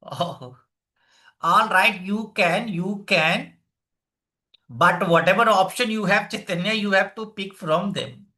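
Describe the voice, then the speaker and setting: Bright, slow-paced North Indian teacher. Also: mid-range voice. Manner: instructional, repeats short phrases and check words. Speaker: online English grammar teacher. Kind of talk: live exam-prep lesson, talking to students.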